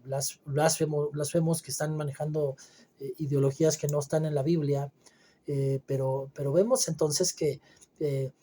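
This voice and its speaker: A man's voice: fairly high pitch, warm tone, slightly rough. A man giving a Bible commentary sermon, preaching emphatically in a conversational way with frequent fillers and restarts.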